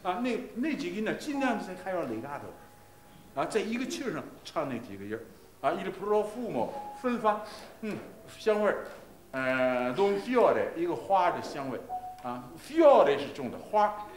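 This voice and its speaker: In a roomy archival recording with faint hiss, a man with a voice that sits high coaches a singer in a masterclass. His speech is halting, repetitive and full of fillers, and he breaks into short sung Italian phrases to demonstrate.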